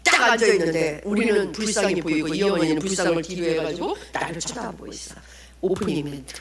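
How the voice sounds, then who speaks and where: A woman evangelist giving a lively testimony to an audience, acting out the people in her story, in a church hall. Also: on the low side, brisk, over a noisy crowd.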